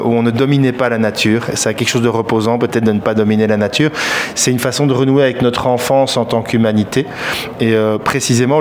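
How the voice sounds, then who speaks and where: A man's voice: medium pitch, a little hiss or hum. Hesitant man musing aloud. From Belgium. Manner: thoughtful, hesitant, many filler pauses. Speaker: fantasy author. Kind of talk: reflective interview answers.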